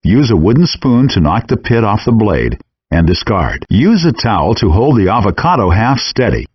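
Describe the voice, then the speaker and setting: Speaking in a lowish, very animated voice at a moderate pace, a man serves as a game's narrator and reads scripted step-by-step instructions with clear explanation. There's no echo, though the audio has the dull, compressed quality of a handheld game.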